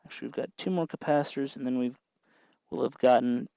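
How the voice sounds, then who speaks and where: This DIY electronics tutorial host talks at a quick pace in a steady, medium-pitched voice that is creaky and dark yet clear and resonant. He walks through each step patiently and folksily while working, and the recording is dry and dull.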